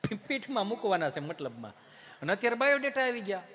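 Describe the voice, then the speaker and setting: A man's voice: high voice, sing-song, fast talker, a bit bright, highs cut off. A man with a Kathiawadi Gujarati accent doing live stand-up, telling folksy stories with punchy rhetorical asides to the audience. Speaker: stand-up comedian.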